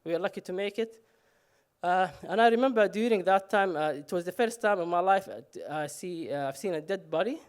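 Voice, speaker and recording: A man's voice: high voice, animated, a little fast, clear, resonant tone. A man from Somalia, telling a personal story on stage with self-mocking humor and frequent "uh" fillers.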